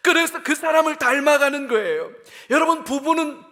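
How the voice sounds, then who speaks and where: A male pastor preaching a sermon, asking the congregation questions and dropping from loud emphatic bursts to hushed whispers. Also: very high-pitched, animated, moderate pace. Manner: addresses the congregation directly with questions. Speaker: senior pastor.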